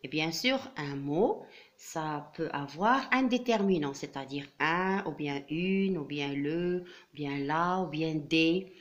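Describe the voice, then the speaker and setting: A woman explaining a classroom craft step by step, patient and methodical, with frequent pauses and fillers. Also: low voice, lo-fi sound. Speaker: teacher.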